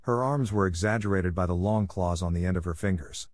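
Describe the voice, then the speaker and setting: A low-voiced man narrates a fantasy story in a steady, read-aloud way. His voice sits close to the mic in a dry, dead space. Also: a little fast, no echo. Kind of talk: scripted narration.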